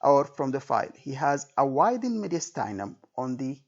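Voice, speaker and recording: An exam tutor delivers a casual spoken lecture with role-played phrases, repeating key points and checking comprehension with plenty of "okay" and "right." His creaky voice is medium-pitched with big swings in pitch, at a moderate pace. Audio is dull and lo-fi.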